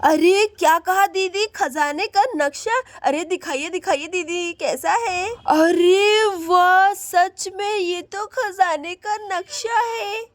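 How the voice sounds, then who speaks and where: A woman voicing an eager young sister-in-law who exclaims with excitement. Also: very high-pitched, slow pace, no echo.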